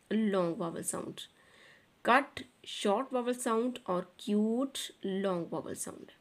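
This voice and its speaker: Slow, careful woman teacher with Pakistani accent. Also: mid-range voice. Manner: reads English sentences slowly and carefully, then explains them briskly. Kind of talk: textbook lesson, reading English lines then explaining in Hindi-Urdu.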